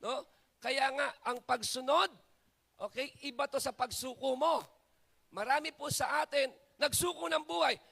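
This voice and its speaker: Filipino male pastor, sermon delivery, very high and bright gravelly voice, calls out questions to the room and rises to shouts. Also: steady tone, a little slow. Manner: switches between Tagalog and English, asks the congregation questions; builds to shouted climaxes.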